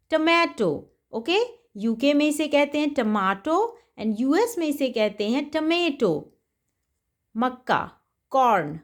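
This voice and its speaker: Slow, high-voiced Indian woman teaching. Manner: slow, repeats each word carefully for pronunciation. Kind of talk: vocabulary lesson for children.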